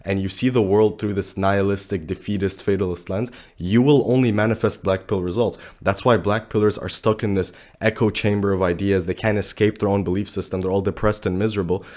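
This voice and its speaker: Being ill has pushed this young dating-commentary YouTuber's voice deeper than normal. Speaking rapidly to the camera, he's animated and blunt, full of slang and frequent "bro"s.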